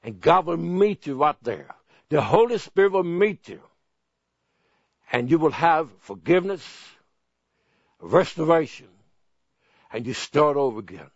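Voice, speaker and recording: An older man preaching a sermon as pastor, earnest and pleading, repeating phrases slowly. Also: fairly high pitch, sing-song, no room sound. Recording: dull dry broadcast sound.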